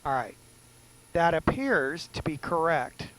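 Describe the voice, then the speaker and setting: A man's voice: fairly high pitch, sing-song, slow, a bit bright, rough recording. A man giving casual, self-deprecating commentary, muttering to himself as he sets up a simulated flight. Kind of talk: casual commentary while doing cockpit setup.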